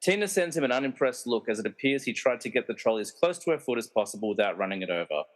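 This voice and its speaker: Racing along in an animated, medium-pitched voice, a man reads scripted comic narration for a podcast radio play. Between scenes he runs its quiz with loose, tongue-in-cheek banter.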